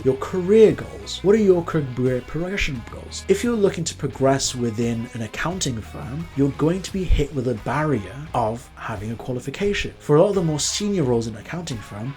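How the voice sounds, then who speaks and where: A young man originally from Nepal, an accountant, gives earnest career advice in a vlog and poses questions straight to the viewer. His voice is slightly high with a darkish tone, and faint music plays in the background.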